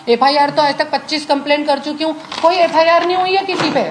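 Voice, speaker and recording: Woman, 40s, high voice, defiant press statement, accusatory, faint background noise. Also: low-quality recording. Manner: defiant, accusatory, direct challenges. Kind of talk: impassioned media statement. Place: indoors at a media sitting.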